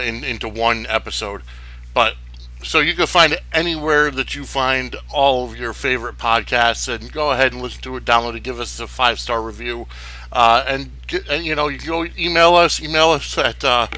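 A man's voice: medium pitch, sharp tone, rough recording. A man hosting a sports podcast solo, talking casually in a rambling, opinionated way. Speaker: sports wrestling podcast host.

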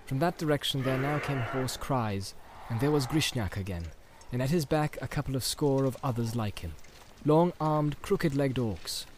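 A man reading a fantasy audiobook as narrator, in a measured, dramatic storytelling manner. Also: medium pitch, a little hiss or hum. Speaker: audiobook reader.

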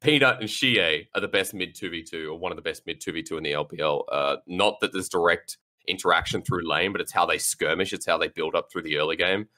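A man's voice: low voice, a little fast, few pauses, bright, forceful tone. A man on an esports panel giving long, rambling analysis full of fillers and restarts, apologizing for ranting. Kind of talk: casual panel chat.

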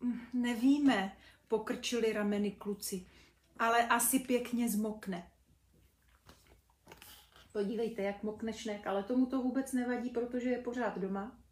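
A woman's voice: fairly high pitch, fairly even intonation, pauses often. Woman reading a children's story aloud. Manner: warm, chatty asides to children. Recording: echoey room.

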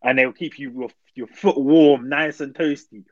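A man's voice: mid-range voice, fairly even intonation, moderate pace, dry recording, highs cut off. Young london roadman guy, slangy and emphatic. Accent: London roadman, multicultural urban London slang. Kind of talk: casual chat, debating opinions.

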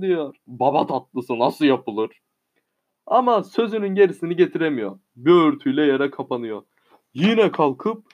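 A man reading a humorous satirical story aloud, in a dry, wry manner, on a muffled lo-fi recording. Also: fairly high pitch.

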